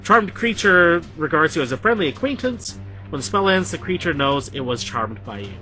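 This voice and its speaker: A man's voice: on the high side, very animated, moderate pace, bright, forceful tone, soft background music. A man running a tabletop game as game master, narrating playfully and laughing often.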